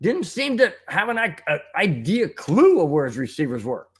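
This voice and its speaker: A man's voice: fairly high pitch, moderate pace, husky. A man hosting a sports fan show, talking in casual commentary and firing off rhetorical questions. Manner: animated, rhetorical questions, frustrated.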